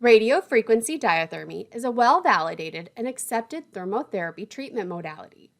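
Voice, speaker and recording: In a fairly high voice with vocal fry, a woman gives a scripted technical lesson at a fairly quick pace. Her pitch shifts lively from phrase to phrase, and she uses formal wording and pronounces terms carefully, as a lecturer would.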